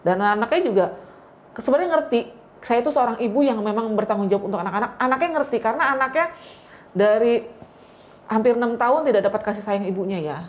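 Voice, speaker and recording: A woman, a talk show guest telling her story in an emotional, animated way and acting out the quotes. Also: fairly high pitch, fast talker. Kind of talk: casual interview storytelling.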